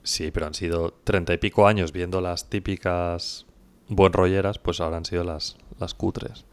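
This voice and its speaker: A man in his thirties with an accent from Spain, chatting casually as a podcast co-host in a hoarse, gravelly voice. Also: sits low, flat delivery, moderate pace, dry recording. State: hoarse from coughing. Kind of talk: casual chat.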